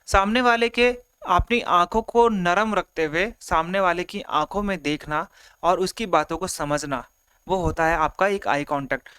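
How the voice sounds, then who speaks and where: A man's voice: high-pitched, moderate pace, sharp tone, clear, resonant tone. A man teaching an online exam-prep lecture, explaining step by step, acting out examples and mixing in English terms. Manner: explains in simple repeated steps, acts out examples; mixes Hindi with English terms.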